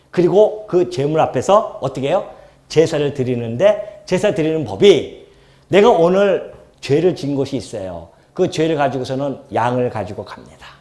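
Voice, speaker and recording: Male pastor, church sermon, lively swooping delivery, rhetorical questions to the pews. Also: medium pitch. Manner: animated, swings between loud emphasis and soft asides; asks the congregation questions and acts out quoted speech. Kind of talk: expository sermon.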